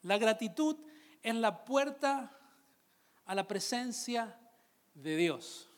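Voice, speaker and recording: A Latin American man preaching a sermon, calling out to his congregation and slowing down on key phrases. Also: high-pitched, lively intonation. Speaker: pastor.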